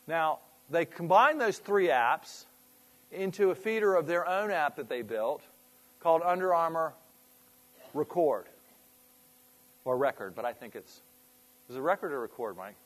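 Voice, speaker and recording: Man presenting to a group, slightly high voice. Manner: conversational, asks the audience questions, trails off and restarts. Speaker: presenter at a fitness club industry meeting. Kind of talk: informal business presentation to a group.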